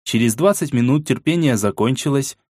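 A man's voice: mid-range voice, expressive, a little fast, a little mellow, no room sound, clean studio sound. Male narrator reading a dramatic audiobook. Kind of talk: scripted narration.

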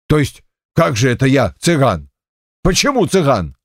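A man's voice: medium pitch, big pitch swings, moderate pace, no echo, clean studio sound, voice pushed up. A man voicing a crafty, weathered Cossack farmer who spins boastful, mock-aggrieved tales. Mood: folksy.

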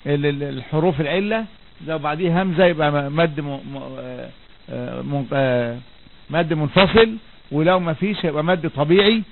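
A man's voice: a little high, fairly quick. A man with an Egyptian Arabic accent teaching a grammar lesson, asking his students questions and answering them himself while repeating the key words. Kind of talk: classroom lesson. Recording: tinny lo-fi recording, faint background noise.

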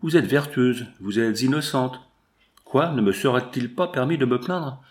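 A man's voice: mid-range voice, moderate pace, natural voice. Man reading as a distressed young princess. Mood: plaintive.

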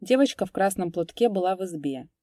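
Brief: female audiobook narrator, low mellow tone, dry close sound, acts out the dialogue. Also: lively intonation, brisk, dry recording. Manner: raises pitch and volume for shouted dialogue. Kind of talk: audiobook reading of a classic story.

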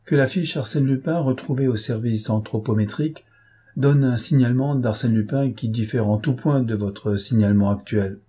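A man reading the part of a fussy, self-important investigating judge in an audiobook, with a husky voice and insistent, exasperated questions. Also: mid-range voice, normal speed, dark tone, lightly acted.

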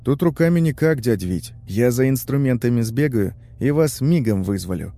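A man voicing an easygoing young trainee who talks in a casual, brisk way. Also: mid-range voice, expressive, mellow.

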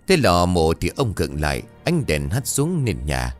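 A man reading a ghost story aloud in a dramatic, expressive way. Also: deep voice, moderate pace, soft background music. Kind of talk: scripted horror narration.

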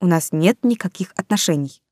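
A woman's voice: lowish voice, expressive, a little fast, darkish tone, no room sound. A woman voicing a reserved, sober-minded young single mother who speaks wryly, in a dry close reading. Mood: guarded. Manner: wry, reserved.

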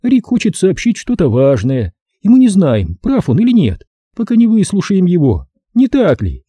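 Brief: sugary, flirtatious actress, pitched way up as a man reads her in an audiobook. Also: huge pitch swings, normal speed, dark tone, breathy edge, dry recording, heavily acted. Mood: coaxing. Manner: coaxing, sugary. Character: cooing, flirtatious woman film star.

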